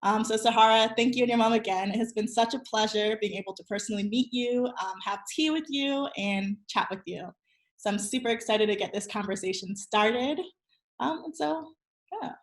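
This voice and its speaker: A woman's voice: fairly high pitch, normal speed. An American woman in her twenties from Virginia, hosting an interview with earnest, upbeat introductions and questions. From Virginia, USA. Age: 20s. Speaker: host. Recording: roomy echo.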